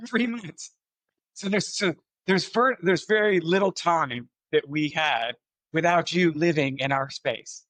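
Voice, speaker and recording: A man's voice: on the high side, measured pace, a bit bright, no room sound, poor audio. A man hosting a casual podcast interview, teasing his guest and rambling with restarts. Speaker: podcast host, company CEO.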